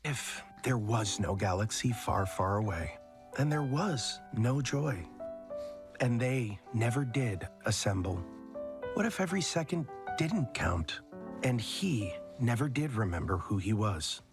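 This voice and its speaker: A theatrical promo narrator gives a dramatic scripted commercial read with lively, swinging pitch. Music runs behind the voice. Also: male voice, measured pace.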